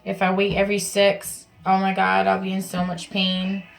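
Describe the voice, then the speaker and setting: Female vlogger, casual and chatty, mid-range voice with heavy creak, informal explainer delivery to camera. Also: medium pitch, completely flat delivery, moderate pace, faint music behind, low-quality recording. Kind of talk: casual vlog talk to camera. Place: at home in a bathroom.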